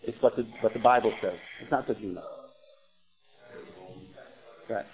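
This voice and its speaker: A man's voice: lowish voice, moderate pace. A man earnestly explaining religious views in discussion, telling stories and asking questions, heard as tinny phone-like sound. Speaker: religious speaker. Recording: tinny phone-like line with faint noise.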